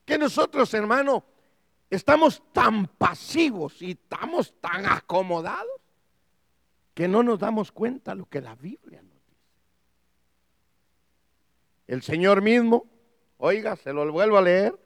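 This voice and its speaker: A male pastor delivers a sermon in a high, gravelly voice that drops into hushed murmurs and rises to shouts. He talks slowly and keeps calling out to his listeners as brothers. The sound is close and dry. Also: sing-song, no room sound. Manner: dramatic preaching, swings from hushed to shouting.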